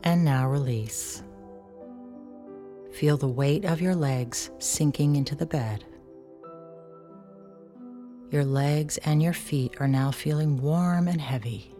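A woman with a low voice leads a sleep relaxation in the style of a sleep story narrator. Her instructions are soothing and unhurried, with gentle pauses, and faint music plays behind her.

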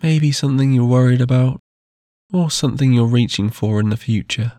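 A man guiding a sleep meditation in a slow, soft, soothing way. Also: medium pitch, dry recording.

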